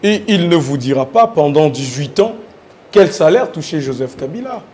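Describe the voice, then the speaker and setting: Male panelist, sarcastic and insistent, high, animated voice. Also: normal speed, slight background noise. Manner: sarcastic, pointed, insists on being heard. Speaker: debate panelist. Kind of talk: heated televised political debate.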